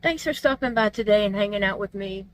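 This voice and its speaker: Woman, gummy toothless speech, feeling unwell, mid-pitched, plain-spoken, casual vlog host, background room noise. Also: brisk. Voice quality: toothless, gummy articulation from not wearing teeth. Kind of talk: casual personal vlog chat.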